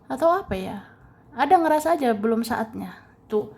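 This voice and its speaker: A young woman giving a casual tarot card reading, repeating phrases and chuckling softly as she goes. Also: on the high side, lively intonation. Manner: slow, repetitive phrasing with soft chuckles. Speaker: tarot reader.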